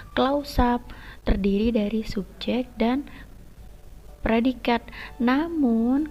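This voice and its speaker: A woman teacher explaining a lesson step by step and addressing her students directly, her voice often trailing into a soft whisper. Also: on the high side, slight background noise. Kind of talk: recorded classroom lesson. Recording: lo-fi dull recording.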